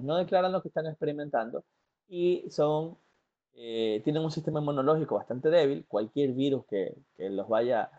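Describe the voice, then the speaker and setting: A man's voice: fairly high pitch, mellow, highs cut off. A man, giving a motivational talk as a life coach and speaking earnestly and directly to the listener, with frequent fillers and restarts. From Ecuador.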